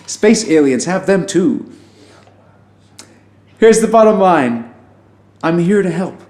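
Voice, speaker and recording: A man with a high, animated, slightly mellow voice takes his time playing an affable, nervous alien passing as human, a pacifist pessimist, in an audio drama. His tone is wry and confiding, informal and rambling, full of self-interruptions and wry asides. Roomy echo and music sit underneath.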